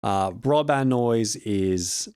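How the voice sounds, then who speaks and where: A young man talks through audio ideas in a loose, chatty recap, often circling back to correct himself. His voice sits on the low side and comes across dry and close on a compressed studio mic at home. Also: very slow, a little mellow, clear, resonant tone, no echo. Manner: rambling, self-correcting, chatty. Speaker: audio student and vlog host. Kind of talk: casual spoken recap of a lecture. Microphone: close studio microphone with a compressor.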